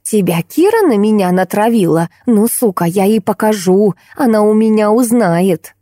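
Woman putting on a shrill, snapping middle-aged woman. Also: animated, moderate pace, warm tone, dry recording, clean studio sound, close to an everyday voice. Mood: angry. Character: rude irritable middle-aged woman artist.

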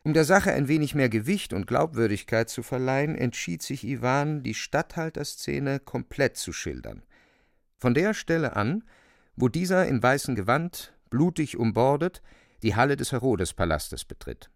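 Close to the microphone, a man narrates a literary radio play with a deliberate, expressive storytelling style. His voice is medium in pitch and creaky, and there's no echo.

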